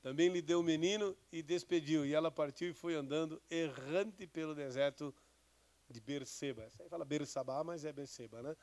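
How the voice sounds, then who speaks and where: A man's voice: on the high side, steady tone, normal speed, darkish tone. A man, a bishop giving a conversational sermon with Bible readings and questions to the congregation. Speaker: bishop preaching.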